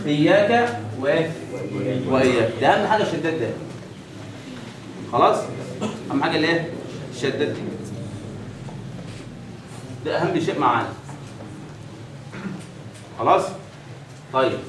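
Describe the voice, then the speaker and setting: A man with an Egyptian accent teaching Quran recitation to a class, asking questions again and again and drawing out the words he demonstrates slowly. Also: fairly high pitch, expressive. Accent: Egyptian Arabic. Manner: quizzes the class with repeated questions and drawn-out recited examples. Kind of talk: classroom tajweed lesson. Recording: echoey room, mic at a distance, faint background hiss.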